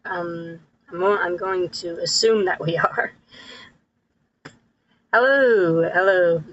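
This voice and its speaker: Streamer with a pitched-up chipmunk voice. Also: slow, fairly bright tone, dull audio, a little hiss or hum. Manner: rambling, self-correcting, laughs often. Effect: pitched-up chipmunk-like voice filter. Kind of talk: casual live-stream gameplay commentary.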